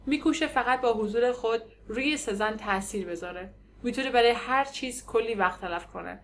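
A woman narrating an audiobook in a measured, descriptive way. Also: fairly high pitch, a little hiss or hum. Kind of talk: scripted narration.

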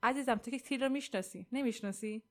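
A woman's voice: a little high, lightly acted. Woman reading as a meek husband; pleading, apologetic.

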